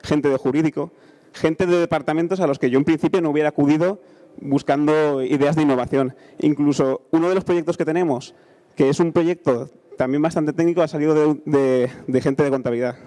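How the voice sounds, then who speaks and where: On the high side and fairly quick, his dark, steady voice carries a Spanish accent. He's an engineer in his thirties giving a casual conference talk about a startup accelerator into a handheld mic, often tossing in check-in tags.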